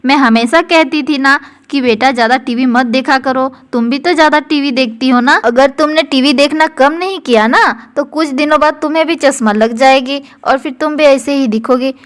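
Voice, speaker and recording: A woman voicing a mother doll who lectures her daughter gently. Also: high voice, moderate pace, hardly any pauses, natural voice. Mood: scolding.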